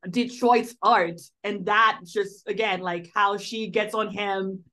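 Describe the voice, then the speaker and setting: She has a sharp-toned, medium-pitched voice with fairly even intonation and a slow pace. Co-hosting a podcast, she holds a casual film review chat that rambles along, full of restarts and fillers like "like" and "you know."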